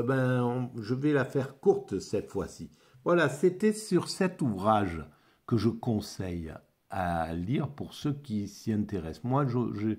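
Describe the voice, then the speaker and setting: Halting, mellow-voiced French man musing. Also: fairly low pitch, slightly rough. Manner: halting, many repeated words and restarts. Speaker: amateur philosophy vlogger. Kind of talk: rambling spoken monologue.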